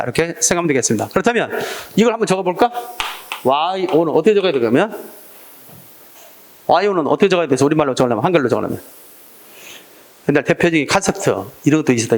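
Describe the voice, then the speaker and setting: Animated Korean exam-prep lecturer, man. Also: fairly high pitch, slight background noise. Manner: animated, drills students with call-and-response prompts. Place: lecture classroom.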